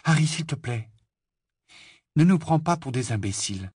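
A man's voice: a little high, lively intonation, normal speed, a little mellow, slightly rough, no echo, clean studio sound, voice pushed up. A man voicing a stern, anxious teenage girl who scolds and urges. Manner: scolding, urgent.

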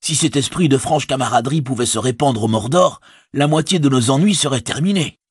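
A man voicing a plain-spoken, loyal young male hobbit in an audiobook, in an earnest, hushed way. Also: mid-range voice, fairly quick, slightly rough, no room sound, studio quality, voice pushed up. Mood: wry.

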